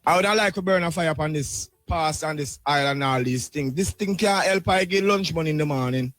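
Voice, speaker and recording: A man's voice: on the high side, a little fast, a bit bright, no echo, studio quality. A middle-aged or older Jamaican man testifying in Rastafarian speech, with devotional greetings and repeated tags.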